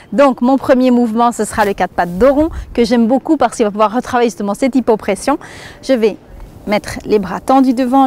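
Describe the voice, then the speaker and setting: A woman's voice: fairly high pitch, darkish tone. A woman in her thirties with a Belgian French accent, leading a fitness lesson and counting through each move as she demonstrates. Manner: counts and breathes through moves while explaining. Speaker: fitness instructor. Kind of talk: exercise demonstration.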